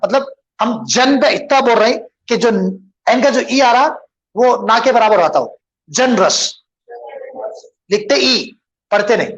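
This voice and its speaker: A man's voice: extremely high pitch, highs cut off, a little hiss or hum. A man teaching an English grammar lesson, switching between English and Hindustani and answering his own questions as he goes. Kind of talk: bilingual classroom lesson.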